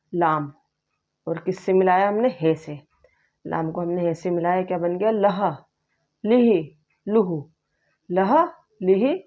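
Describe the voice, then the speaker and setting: A woman teaching Urdu reading, slowly sounding out and patiently repeating each syllable. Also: on the low side. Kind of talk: slow spelled-out reading lesson. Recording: slightly dull lo-fi sound.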